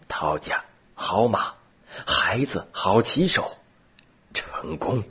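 A calm, confident guide, as a man puts him on who talks in short, broken words. He keeps the voice very low and hushed. The recording is dull and lo-fi. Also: takes it slowly, breathy edge, heavily acted.

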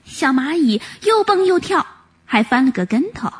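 A woman narrating a children's story in an expressive, animated way. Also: high voice, normal speed.

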